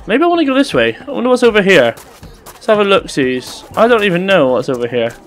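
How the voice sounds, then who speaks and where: A young man commentating his gameplay, joking and swearing with excited outbursts. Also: high voice, fast talker. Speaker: gaming YouTuber. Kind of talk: let's play commentary.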